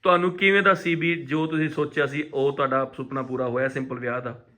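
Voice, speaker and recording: A man hosts a family vlog in an earnest, conversational voice of middling pitch. He talks casually, asks questions and often repeats a phrase to press it home. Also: fairly even intonation, quick pace, pushed and bright. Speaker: vlog host.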